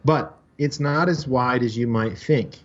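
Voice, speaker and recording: A man's voice: mid-range voice, unhurried. A man co-hosting a podcast, explaining at length in casual discussion and now and then acting out the people in his examples. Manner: explains at length, acts out quoted voices. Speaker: podcast co-host. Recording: dull lo-fi audio.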